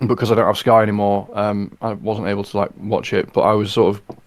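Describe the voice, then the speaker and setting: A man from England co-hosting a film podcast, explaining things in a measured, restarting way. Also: lowish voice, level tone, dry recording. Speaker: podcast co-host. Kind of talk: casual chat.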